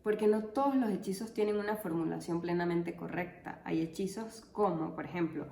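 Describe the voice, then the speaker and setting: A woman explains language topics casually, slipping in dry, deadpan jokes. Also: on the low side, brisk, creaky, reverberant. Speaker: linguistics educator. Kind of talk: casual educational video.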